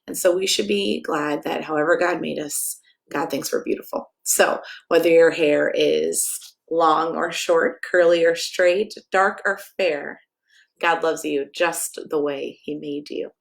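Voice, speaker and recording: She has a deep, creaky voice with fairly even intonation and an unhurried pace. A middle-aged American pastor, she reads to children playfully in a sing-song style and chats with them at story time.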